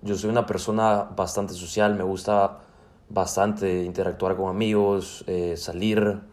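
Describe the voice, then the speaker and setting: A man's voice: deep voice, little pitch movement, a little slow, darkish tone. A man in his twenties from El Salvador with a Salvadoran Spanish accent, answering interview questions casually and hesitantly, with many fillers and restarts. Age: 20s. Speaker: student guest.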